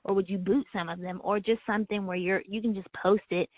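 A woman's voice: mid-range voice, fairly even intonation, fairly quick. A woman co-hosting a podcast, chatting casually in a rambling, easygoing way. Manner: chatty, rambling, laughs easily. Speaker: podcast co-host. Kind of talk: casual chat. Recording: tinny phone-like sound, dry.

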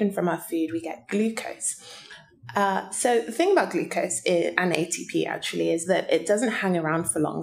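A woman's voice: on the low side, vocal fry, a little mellow. A woman guest scientist explaining things simply, step by step, to young listeners in an interview.

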